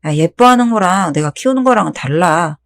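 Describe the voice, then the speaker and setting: A woman's voice: on the low side, lively intonation, brisk. Woman reading as a dismissive young husband. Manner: brushing off, irritated.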